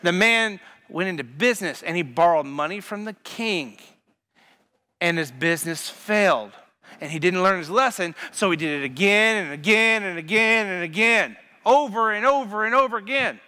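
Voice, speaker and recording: Bright, high-voiced preaching man. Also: expressive, normal speed. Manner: emphatic, repetitive preaching with sudden loud punches. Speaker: pastor. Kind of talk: sermon. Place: church sanctuary.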